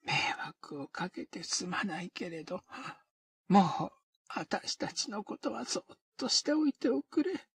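A man voicing a bedridden, dying woman who speaks slowly and listlessly in a dry, rasping half-whisper. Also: sits high, expressive, pushed and bright, dry recording, voice pushed up, full character voice. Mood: weary pleading. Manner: slow, listless, pleading.

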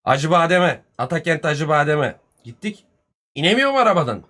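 A man, telling a story casually on a live stream, animated and full of swearing and reported speech. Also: on the high side, moderate pace. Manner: profane, animated retelling with much reported speech.

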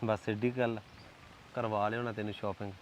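A man's voice: on the low side, little pitch movement, a little fast, a little hiss or hum, close to an everyday voice. A young actor with a Punjabi accent playing a boyfriend who coaxes and soothes his angry girlfriend. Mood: coaxing. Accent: Punjabi (Malwa). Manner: coaxing, soothing. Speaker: actor in a short film.

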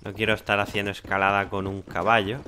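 A man with a Spanish accent from Spain gives laid-back gameplay commentary. His voice is low-pitched but bright. There is a faint hiss behind him. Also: completely flat delivery, fast talker. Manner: chatty, laid-back, thinks aloud.

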